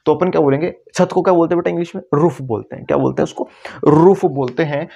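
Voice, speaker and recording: A man teaching chemistry at a board, often slowing down to repeat key words and calling his students "beta". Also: on the high side, fairly even intonation, vocal fry, mellow, dull audio. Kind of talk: classroom lecture at a board.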